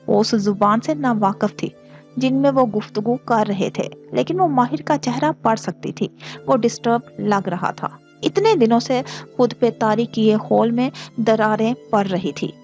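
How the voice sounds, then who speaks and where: A woman with a fairly high voice narrates a romance novel as a spoken audiobook. She gives each character a voice of their own, lifting her pitch for the quoted lines. Soft music plays faintly underneath her reading. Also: unhurried, highs cut off.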